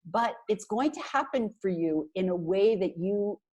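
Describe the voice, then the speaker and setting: A middle-aged Canadian woman, a marketing consultant, speaks as a guest on a casual video call interview through an earphone headset from a small, bright indoor room. Her voice is medium-pitched, a little slow and slightly rough. She's animated, chatty and emphatic, talking with her hands.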